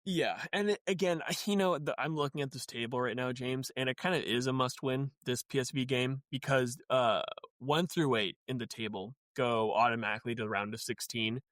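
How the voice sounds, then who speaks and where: A man's voice: mid-range voice, fairly quick, hardly any pauses, fairly bright tone, no room sound. Guy rambling on a podcast, kinda glum and jokey, mid voice, dead dry sound. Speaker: podcast co-host. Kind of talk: casual podcast chat.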